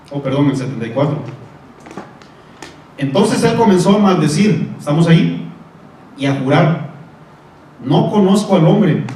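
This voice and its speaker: Echoey Spanish-language pastor preaching from afar. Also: male voice, on the high side, darkish tone. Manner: reads scripture aloud and asks the congregation questions. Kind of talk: sermon. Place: church. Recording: very echoey church room, mic at a distance.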